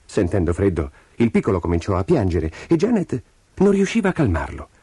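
A man narrating a storybook in an expressive, measured way. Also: lowish voice, husky, dry recording. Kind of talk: storybook reading.

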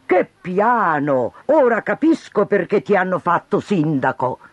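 A man voicing a fawning deputy mayor who exclaims with flattering delight, in a storybook reading. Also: high-pitched, unhurried, breathy edge, dry recording, lo-fi sound, voice pushed up, full character voice.

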